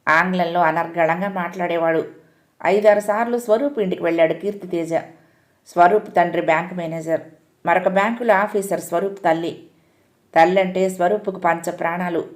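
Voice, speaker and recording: A woman storyteller reads a long tale aloud in a calm, measured way. Her voice sits a little lower than most women's. She gives each character's words a light touch but stays close to her own voice. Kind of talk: audiobook-style story narration.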